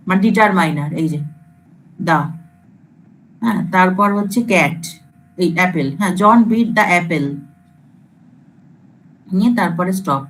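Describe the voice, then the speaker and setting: A woman's voice: medium pitch, a little hiss or hum, poor audio. A woman lecturer, explaining to students in a casual, coaxing classroom way. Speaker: computer science lecturer.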